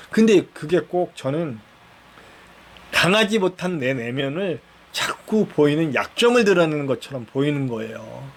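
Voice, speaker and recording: A man preaching a sermon in a conversational storytelling way, acting out bits of dialogue and putting questions to the listeners. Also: on the high side. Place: church.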